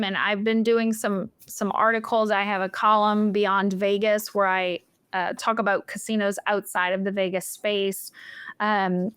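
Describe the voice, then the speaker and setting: A woman's voice: medium pitch, fairly bright tone, clean tone, no echo. Chatty woman podcast guest, laughs a lot, says um and like, dry close sound. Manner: chatty, giggly, many fillers. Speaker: casino YouTuber and guest. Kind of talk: casual podcast chat.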